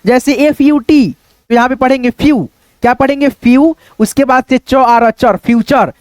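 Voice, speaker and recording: Man, very high voice, dry close sound, spelling-rule drill, repetitive question-and-answer teaching. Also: moderate pace, darkish tone, no room sound. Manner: addresses viewers as friends, repeats phrases. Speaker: English teacher. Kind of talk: spoken English lesson.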